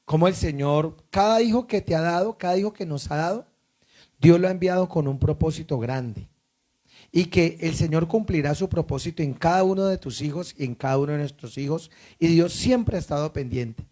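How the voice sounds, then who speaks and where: A man's voice: on the high side, normal speed, mellow. A man from Colombia who pastors a church, preaching emphatically and asking the congregation questions.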